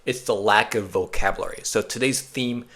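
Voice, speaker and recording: A young man who grew up in Japan, talking straight to his viewers as a language coach, emphatic and energetic, with many fillers and restarts. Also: on the low side, moderate pace. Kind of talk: direct-to-camera coaching talk.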